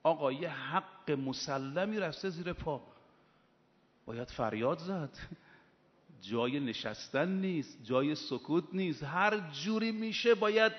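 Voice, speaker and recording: A man preaching a sermon in an emphatic, animated storytelling manner. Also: sits high. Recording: muffled, with long hall reverb.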